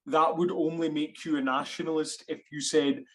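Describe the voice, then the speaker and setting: Speaking at a normal speed in a voice on the high side, this twentysomething guest is from Sri Lanka yet has a Scottish accent. He's an actor and writer who, in a relaxed interview, talks animatedly and at length, with lots of fillers and false starts.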